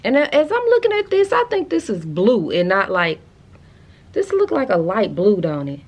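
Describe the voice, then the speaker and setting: An American woman in her thirties, a vlogger showing off a haul, chats casually to camera in a sassy, slangy and animated way. Her voice is medium-pitched at a moderate pace, and she is indoors in a furnished room at home.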